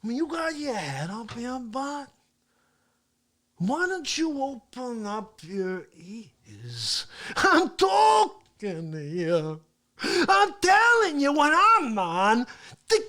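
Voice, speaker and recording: A performer playing a brash, boastful male talk-show host who rambles through a comedy rant, swinging between loud yelling and hushed asides. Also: mid-range voice, exaggerated voice. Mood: scolding, yelling. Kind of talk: comedic character monologue.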